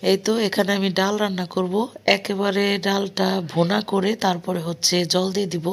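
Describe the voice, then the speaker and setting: Hoarse young mother vlogging at home. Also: medium pitch, little pitch movement, fairly quick. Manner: chatty, talks while doing housework and cooking. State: hoarse from a cold. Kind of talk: casual vlog narration. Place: home kitchen.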